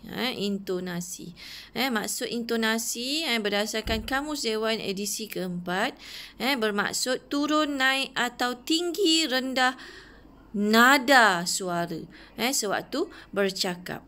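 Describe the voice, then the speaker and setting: A woman teacher with a Malaysian accent giving a recorded lesson, explaining step by step and pausing often on hesitant fillers. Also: fairly high pitch, sharp tone. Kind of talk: recorded online class lesson.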